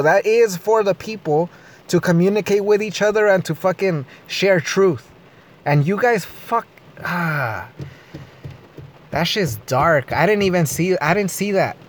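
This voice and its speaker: A man ranting in a vlog, agitated, swearing and rambling. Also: on the high side. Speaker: vlogger. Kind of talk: profane personal rant.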